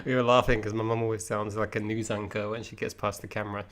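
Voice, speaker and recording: A man's voice: on the low side, level tone, fast, fairly bright tone. A young man with an English accent, hosting a casual live reaction, chatty and self-mocking. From England. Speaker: vlogger host.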